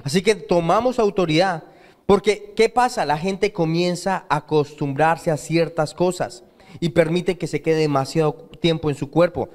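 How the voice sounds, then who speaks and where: A man preaching a sermon as pastor in a church, emphatic, repeating key phrases and pausing for the congregation to fill in his questions. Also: on the high side. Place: church sanctuary.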